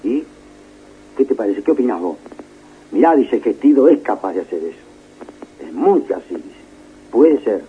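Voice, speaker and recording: A storytelling older Uruguayan man with a very animated voice that leaps up and down as he plays every part in his tale. The recording is slightly muffled and lo-fi. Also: on the low side, moderate pace, pauses often, slight background noise. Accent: Uruguayan Spanish. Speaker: radio broadcaster telling anecdotes. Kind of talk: storytelling in casual chat.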